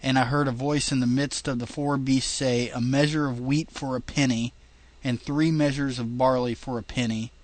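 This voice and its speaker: A man's voice: medium pitch, fairly even intonation, moderate pace, hardly any pauses, no room sound. A man co-hosting a casual podcast, reading long scripture passages aloud with stumbles and chatting between them. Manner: reads long passages with stumbles and laughs at the wording. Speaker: podcast co-host.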